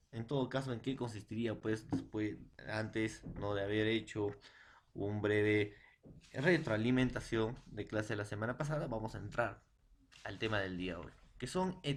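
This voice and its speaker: A Peruvian man teaching a school lesson online, speaking to his students often and repeating lists in a chanting way. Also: on the low side. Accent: Peruvian Spanish. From Peru. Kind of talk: classroom lesson. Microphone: online class.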